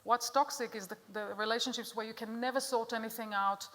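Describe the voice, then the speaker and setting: Her voice sits a little high and a bit bright, with fairly even intonation and a slightly quick pace. She's a middle-aged Israeli woman with an Israeli accent giving an earnest, direct talk and questioning the audience, recorded with long hall reverb.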